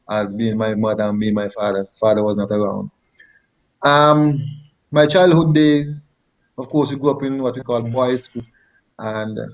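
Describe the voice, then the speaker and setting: On a rough recording, a man from Nevis in Saint Kitts and Nevis speaks in a mid-range, slightly mellow voice with a Nevisian Caribbean accent. As an interview guest and former track athlete, he shares personal stories conversationally, repeating phrases to stress his points.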